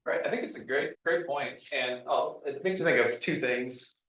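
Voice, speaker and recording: A man of middle pitch explains his points in a measured, lecturing way as a guest speaker. He sits back from the microphone in a roomy, echoing space. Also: fairly bright tone. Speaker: guest speaker, media scholar. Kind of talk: lecture-style talk. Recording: echoey room, distant mic.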